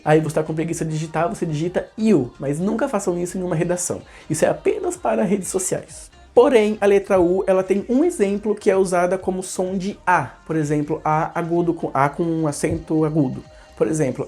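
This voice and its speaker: A man's voice: on the high side, dark tone, husky. A man giving a casual online English lesson, explaining in a rambling way and often correcting himself mid-sentence.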